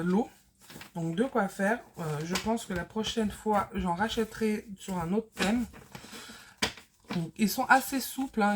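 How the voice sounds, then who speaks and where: A woman talking casually to camera as she shows and prices craft supplies, with lots of fillers and pauses. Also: medium pitch, slight background noise. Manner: chatty, many fillers, counts items aloud. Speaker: scrapbooking vlogger. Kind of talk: casual haul video talk.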